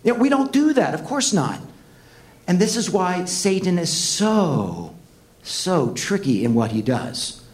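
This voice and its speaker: A man's voice: high voice, sing-song, unhurried, darkish tone. Earnest man preaching to students. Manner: earnest, emphatic, rhetorical questions. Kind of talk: sermon.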